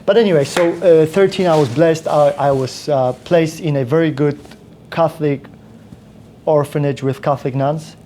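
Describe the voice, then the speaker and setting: A man's voice: a little high, moderate pace, warm tone, a little hiss or hum. Man in his thirties, rambling. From Poland. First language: Polish. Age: 30s. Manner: rambling with frequent restarts and fillers. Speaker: podcast guest. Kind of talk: casual interview storytelling.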